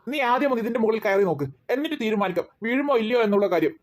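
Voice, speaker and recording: A woman's voice: fairly high pitch, lively intonation, racing, close to an everyday voice. A woman voicing a stern, thrifty father of two girls in a cartoon, bossy and lecturing. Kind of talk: cartoon voice acting.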